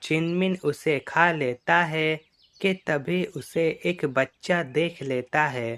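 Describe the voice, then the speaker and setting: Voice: mid-range voice, takes it slowly, a bit bright. A narrator telling a children's cartoon story in a plain, storytelling way.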